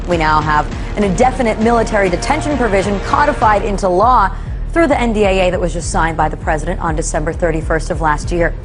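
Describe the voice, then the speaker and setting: A woman presents scripted news commentary at an ordinary pitch. Her delivery is pointed and emphatic, full of rhetorical push. Music plays clearly behind her. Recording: music bed under the voice.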